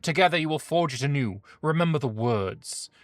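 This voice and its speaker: A man's voice: fairly high pitch, animated, moderate pace, no room sound, studio quality, pitched above the performer's own voice, lightly acted. A man reading the lines of a stern, commanding male dwarf emperor, giving firm, declamatory orders.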